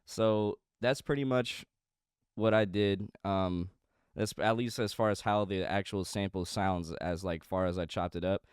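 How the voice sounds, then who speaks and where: A young man who produces music gives an unhurried, casual tour of his studio in a lowish, clean voice with fairly even intonation and no echo. His voice sounds congested and slightly nasal, and he keeps using fillers and restarting sentences.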